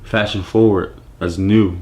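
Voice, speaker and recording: Originally from Nigeria but raised in the US, a clothing brand founder tells his personal story at a slightly slow pace in a low-sitting voice. He's easygoing and reflective, leaning on fillers and frequent restarts.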